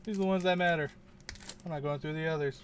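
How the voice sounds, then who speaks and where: A man's voice: on the high side, steady tone, fast, a little hiss or hum. A man hosting a casual unboxing video, rambling and muttering to himself, often unsure how to say things. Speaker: channel host opening card packs.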